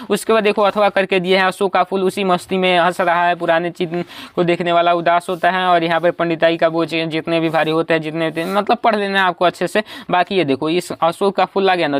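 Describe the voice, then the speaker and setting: A young man teaching an exam preparation lesson. He explains each step, keeps checking that students follow, and slows down to read verses aloud. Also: high-pitched, a bit bright, clean tone, dry recording.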